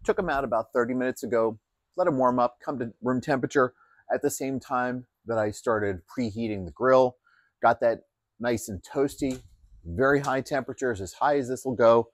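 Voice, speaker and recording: A man calmly explaining how he marinates and grills chicken, step by step with plenty of fillers. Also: mid-range voice, moderate pace, no echo. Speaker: home cook. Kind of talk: casual cooking demonstration. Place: outdoors at a grill.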